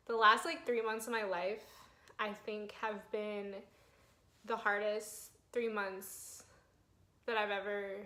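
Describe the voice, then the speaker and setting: A woman's voice: mid-range voice, sharp tone. Young woman, 20s, candid phone vlogger, emotional and rambling, echoey room sound. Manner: flustered, fighting back tears, filler-heavy. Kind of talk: personal health vlog. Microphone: phone camera mic.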